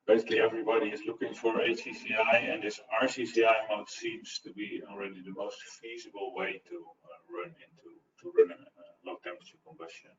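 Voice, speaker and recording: A man's voice: on the low side, flat delivery, fast, few pauses, fairly bright tone. A man presenting at an online technical talk, answering a question by thinking aloud and searching for words over a video call. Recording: roomy, distant, muffled call audio.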